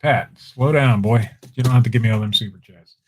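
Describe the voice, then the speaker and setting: Briskly and in a medium-pitched voice, a man hosts a relaxed live-stream auction, with a little hiss or hum on the audio. He chats with viewers in chat while displaying items and calling bids.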